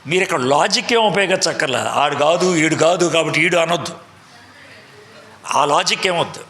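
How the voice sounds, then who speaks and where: Bright-voiced man preaching in an echoey hall. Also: a little high, normal speed. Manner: quizzes the audience, mixes English in. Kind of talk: interactive Bible teaching. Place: large meeting hall.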